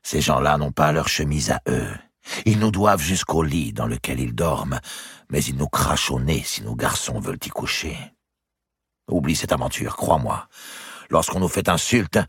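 A man's voice: extremely low pitch, expressive, moderate pace, creaky, a bit bright, breathy edge, dry recording, heavily acted. A man voicing a wry older banker uncle, dry and cynically amused, in a storybook reading.

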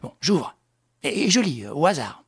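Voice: mid-range voice, sing-song, moderate pace, gravelly, husky, no echo, clean studio sound, exaggerated voice. A reader voicing a young officer who talks to his prisoner in a mock-friendly, sarcastic tone. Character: mocking young French officer, coldly ironic.

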